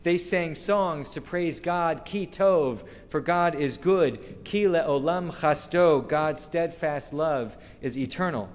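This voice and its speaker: Middle-aged male rabbi, earnest measured sermon, slightly high voice, lectern mic in a big sanctuary with long reverb. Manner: measured, earnest preaching with slow emphatic phrases. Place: synagogue sanctuary, standing at a wooden lectern. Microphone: lectern microphone. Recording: long reverb of a large hall.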